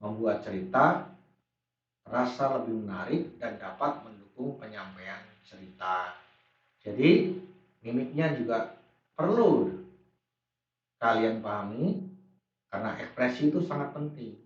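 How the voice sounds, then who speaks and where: Echoey low-voiced male teacher from far off. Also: animated, unhurried, long pauses. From Indonesia. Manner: patient, repeats points, answers pupils' imagined questions. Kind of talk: recorded class lesson. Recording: roomy, distant, dull lo-fi screen recording.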